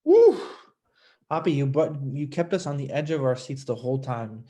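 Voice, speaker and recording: A man's voice: on the high side, sing-song, moderate pace, warm tone. A man on a video call, joking and exuberant in a medical case discussion.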